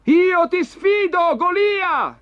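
Man doing a calm brave shepherd boy, high light voice, earnest, storybook, muffled lo-fi sound, music behind. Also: drawn-out words, no room sound, exaggerated voice. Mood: defiant. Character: fearless young shepherd boy, calm and sure. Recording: dull lo-fi recording with music.

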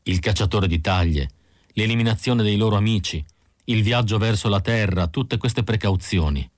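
A man narrating an audiobook in a measured, even reading on a close studio mic. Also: lowish voice, no echo.

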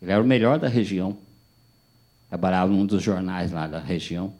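Low, mellow pastor telling a testimony. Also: male voice, fairly quick. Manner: animated storytelling with acted dialogue. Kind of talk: sermon testimony.

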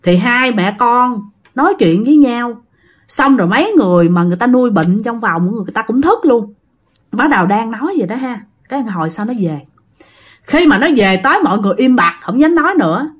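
Woman, Southern Vietnamese accent, casual chatty ghost-story teller, fairly high voice. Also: lively intonation, brisk. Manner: chatty, addresses listeners directly.

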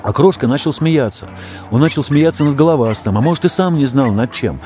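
A man reading a children's story aloud, expressive and raising his voice for the dogs' shouts. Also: mid-range voice, fairly quick. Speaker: audiobook reader. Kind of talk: storybook narration.

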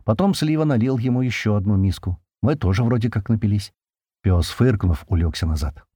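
A man's voice: on the low side, lively intonation, fairly quick, dark tone, no echo, clean studio sound. A man narrating a first-person audiobook in a colloquial, slangy way.

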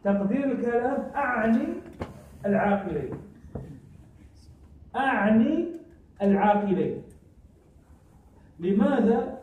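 A high-pitched man teaches a grammar lesson, quizzing his students with short questions and repeating examples slowly. He sounds far from the mic in a heavily echoing hall, and the sound is thin and phone-like. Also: animated. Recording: echoey, distant, phone-like recording.

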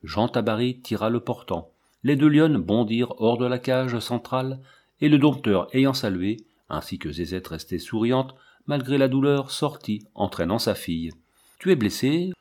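A man narrates a novel at an even, measured pace. His voice sits at a middling pitch, and his delivery stays steady and composed. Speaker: audiobook reader.

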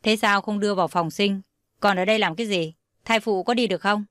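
Woman playing a brisk, commanding female doctor. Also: medium pitch, fairly bright tone, dry recording, clean studio sound, lightly acted. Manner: curt, giving orders.

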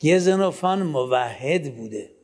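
His voice runs somewhat high, expressive and a touch mellow, as this male teacher delivers a classroom lecture. He frequently asks rhetorical questions, supplies the answers himself, and tells his students directly what to do.

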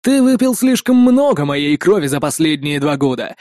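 A man's voice: fairly high pitch, big pitch swings, normal speed, darkish tone, dry recording, studio quality. A man doing a gloating blond stage villain. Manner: gloating, theatrical. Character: smug young blond man in a staged duel.

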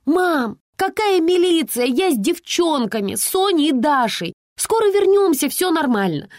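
A woman's voice: extremely high pitch, big pitch swings, a little slow, no echo, studio quality, pitched above the performer's own voice, heavily acted. A woman voicing a giddy young woman chattering breathlessly on a phone call home. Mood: chirpy. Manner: chirpy, breathless rattling.

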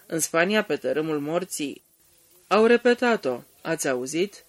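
A man's voice: a little high, animated, lightly acted. A man voicing a talkative, pushy male journalist who chatters eagerly about his theories in an audiobook. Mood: excited.

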